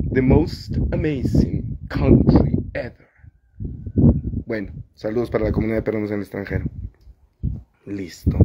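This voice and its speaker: A Peruvian man with a Peruvian Spanish accent ranting in a live video, dramatic and preachy, moving from mumbled asides to sudden high outbursts. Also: dull audio. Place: outdoors by a noisy street with passing vendors. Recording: live phone video with loud street noise. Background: loud street noise, horns and passing vendors.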